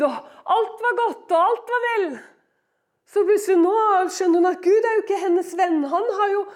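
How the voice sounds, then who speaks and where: A middle-aged woman preacher giving a sermon in a church, moving between loud emphasis and hushed whispers. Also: extremely high pitch.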